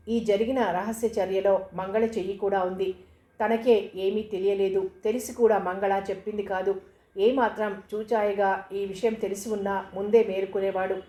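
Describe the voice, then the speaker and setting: A woman's voice: medium pitch, warm tone, roomy sound. A woman narrating a novel, acting out the characters' lines as she reads. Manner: voices the dialogue of the characters. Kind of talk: novel reading.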